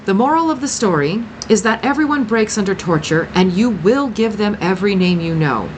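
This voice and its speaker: A woman voicing a grim, protective woman who cares for rescued girls, speaking gravely and with measured care in an audiobook reading. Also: mid-range voice, expressive, a little hiss or hum, pitched above the performer's own voice, close to an everyday voice.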